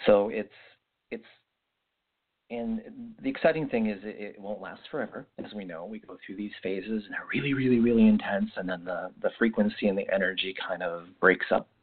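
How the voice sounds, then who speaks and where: A man's voice: on the low side, brisk, slightly rough. A man who hosts a spiritual podcast, talking off the cuff in a reflective, meandering way with repeated phrases, his voice sounding echoey. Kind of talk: unscripted spiritual guidance talk. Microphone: makeshift mic, not the usual podcast one. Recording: echoey, muffled phone-like sound without usual microphone.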